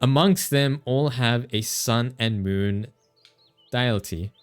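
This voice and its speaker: A man's voice: medium pitch, slow pace, clear, resonant tone, faint music behind. A man streaming a game, chatting playfully with his chat, teasing and laughing, stumbling as he reads game text aloud. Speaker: VTuber streamer. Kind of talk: casual gaming livestream chat.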